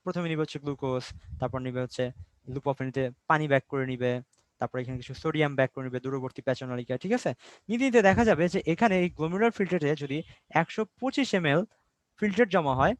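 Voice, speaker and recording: Young man from Bangladesh, biology tutor, rapid delivery, fairly high voice, dry close mic, rhetorical questions. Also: expressive, no room sound. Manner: explains step by step with rhetorical questions, mixes English words. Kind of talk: online class lecture.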